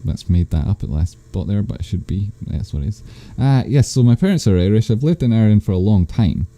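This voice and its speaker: On his live stream, a man from Scotland reads the chat aloud, tossing in dry, rambling, teasing commentary. He talks fairly quickly in a sing-song, dark, bassy voice, captured dry on a desk microphone.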